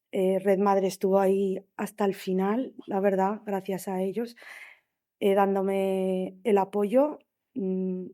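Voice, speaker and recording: Mellow-voiced young woman telling her story. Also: medium pitch. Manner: emotional, halting storytelling with many restarts. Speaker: guest speaker sharing a testimony. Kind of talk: personal testimony at a talk.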